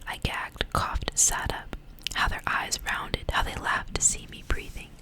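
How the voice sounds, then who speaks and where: A woman reads a story aloud in ASMR style, whispering softly and taking her time.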